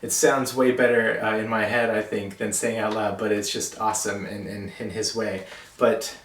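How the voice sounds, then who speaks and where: A young man giving a wedding toast as best man, speaking informally and haltingly with self-deprecating asides. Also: fairly low pitch, level tone, a bit bright, a little hiss or hum. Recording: roomy echo, distant microphone.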